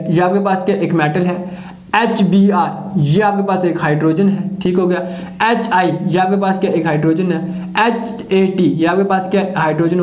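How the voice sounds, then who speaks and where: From Pakistan, this male teacher lectures a chemistry class, asking questions he then answers himself while hammering home key terms through repetition. He has a high-pitched voice with a darkish tone. The recording has an echoey room sound.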